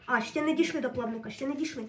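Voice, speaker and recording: A woman cooking on camera, giving a fretful running commentary and telling herself to stay calm. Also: high-pitched, very fast, distant mic. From Ukraine. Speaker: home cook vlogger.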